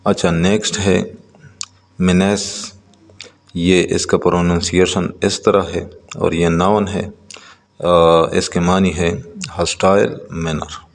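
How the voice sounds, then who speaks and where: A man teaching a textbook lesson, reading English lines slowly and then explaining them, with frequent hesitant pauses. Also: sits low, little pitch movement, gravelly, long reverb tail.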